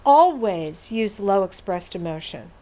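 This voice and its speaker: A woman presents an educational workshop on behaviour management, explaining patiently to her audience with everyday examples and asides. Her medium-pitched voice is sing-song and dark in tone, and she speaks a little slowly.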